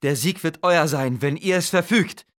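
A man's voice: on the high side, normal speed, a bit bright, pitched above the performer's own voice, lightly acted. A man doing a fearful, fawning vizier. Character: fearful, servile male vizier.

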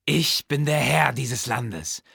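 A haughty undead priest-king, voiced by a male narrator speaks in a slow, commanding, hissing tone. His gravelly words are dry and close, with no room around them. He sounds like a storybook tyrant who demands obedience. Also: medium pitch, lively intonation, bright, forceful tone, no echo, voice pushed up, exaggerated voice. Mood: cold, commanding.

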